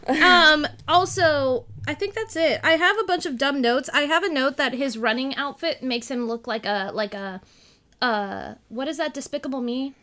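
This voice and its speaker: A young woman co-hosting a casual movie review chat, animated and swearing, acting out scenes. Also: high-pitched, moderate pace. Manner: animated, swears, acts out quotes. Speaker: podcast co-host.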